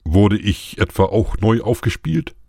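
A man reading the lines of a shaken, confused mother, pitching his voice up. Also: animated, measured pace, vocal fry, dark tone, no room sound, studio quality, heavily acted. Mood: anxious. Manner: trembling, pleading.

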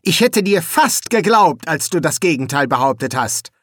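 A man's voice: fairly high pitch, sing-song, moderate pace, a bit bright, dry recording, clean studio sound, pitched above the performer's own voice. A man reading an audiobook and voicing an insistent, commanding young boy who makes demands. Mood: demanding. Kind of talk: audiobook character voice.

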